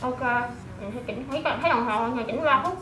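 A woman's voice: high-pitched, fast talker, noisy background. A woman reviewing a beauty product in a casual vlog, talking with a toothbrush in her mouth and thinking aloud. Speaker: beauty vlogger. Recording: echoey room.

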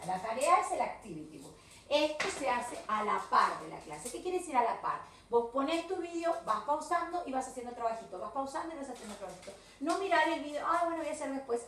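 Mixing Spanish and English, a woman with a Rioplatense accent leads a children's English video class, speaking slowly and stretching her words, with encouragement, repetition and frequent comprehension checks. Her voice is high-pitched and fairly bright. The recording is distant, in an echoey room with a faint background hiss.

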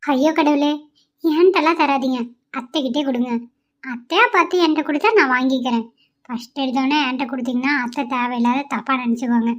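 A woman voicing a young, polite and sensible village wife in a cartoon, speaking in a gentle, pleading way. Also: high-pitched, steady tone, fast, dull audio, close to an everyday voice. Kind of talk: cartoon voice acting.

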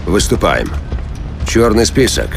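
Deep gravelly commander. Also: male voice, sing-song, takes it slowly, over music, heavily acted. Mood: cold, commanding. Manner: terse orders. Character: cold, commanding male leader of armed attackers. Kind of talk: dubbed game cutscene acting.

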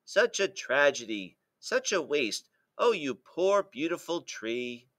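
A man's voice: fairly high pitch, sing-song, takes it slowly, a bit bright, exaggerated voice. A man voicing a cheerful, naive young woman who loves nature, with gushing, sentimental lines in a picture-book read-aloud. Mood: tender.

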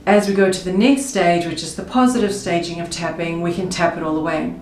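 A woman coaching viewers through a tapping session, speaking slow, emotive first-person affirmations. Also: on the low side, fairly even intonation, darkish tone. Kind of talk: guided tapping script spoken in first person. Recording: roomy with faint music behind.

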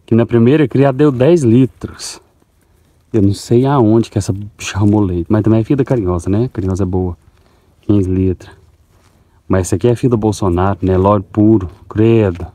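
A man's voice: fairly low pitch, normal speed, warm tone, no echo. Goiano farmer guy on his farm, chatty, sweet-talks his cows, animals in the background. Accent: Goiás Portuguese. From Goiás, Brazil. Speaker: farmer vlogger. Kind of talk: casual vlog talking to cows. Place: outdoors on a cattle farm.

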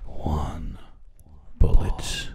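A man performing a whispered, layered ASMR reading of lyrics with deliberate, drawn-out phrasing. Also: darkish tone.

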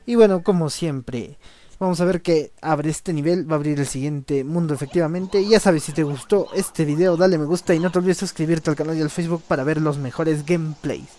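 A man doing casual let's play commentary, chatty and cheering on his co-player with quick exclamations. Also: fairly high pitch, warm tone, faint music behind.

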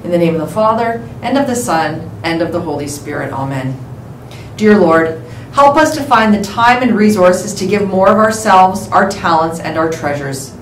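A woman reading the morning announcements and prayer over a school intercom, in a steady, measured way. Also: on the low side, slight background noise. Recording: echoey, distant intercom sound with faint ambience.

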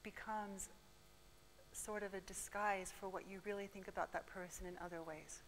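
At a seminar, a female researcher in a lecture room answers audience questions earnestly, explaining things with a few light laughs. Her mid-range voice keeps a fairly even intonation at normal speed. The recording is rough, with slight background noise.

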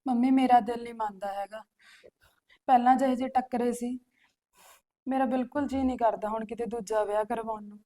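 A woman's voice: on the high side, fairly even intonation, a little fast, long pauses, dark tone, natural voice. A young woman playing a hurt, resentful sister who sulks and answers back defiantly, with faint music behind. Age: young adult.

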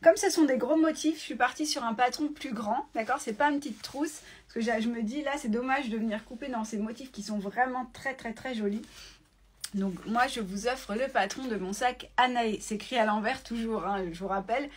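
Woman on a phone live stream, bit high, husky, chatty and quick. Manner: chatty and quick, reads viewer comments aloud. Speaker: sewing shop owner hosting a live giveaway. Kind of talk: casual live stream chat. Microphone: phone in selfie mode.

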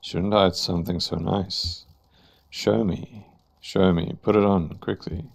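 A man's voice: deep voice, level tone, unhurried, vocal fry, heavily acted. A man voicing a greedy female performer of a demonic troupe, reading her text in a coaxing, hungry way.

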